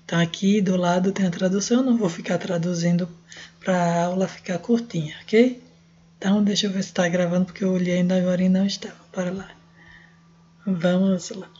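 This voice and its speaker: A woman's voice: lowish voice, steady tone, fast talker, warm tone, breathy edge, muffled recording. A woman with a Brazilian Portuguese accent giving a casual French lesson, spelling out letters and sounds. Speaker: language teacher.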